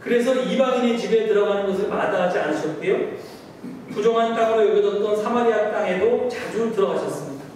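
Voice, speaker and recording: Male pastor preaching, chatty storyteller, highish voice, big echoey church, mic far off. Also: fast talker, darkish tone, slight background noise. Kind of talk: sermon. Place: church sanctuary. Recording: echoey hall, distant mic.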